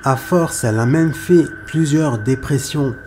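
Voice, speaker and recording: A man's voice: mid-range voice, measured pace, warm tone, faint music behind. A man narrating a horror story in a casual, conversational way, with many hesitations.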